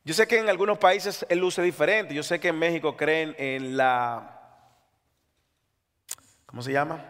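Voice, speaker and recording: A man's voice: on the high side, measured pace, a bit bright, long reverb tail. A man preaching an impassioned sermon as pastor, reading scripture aloud. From Latin America.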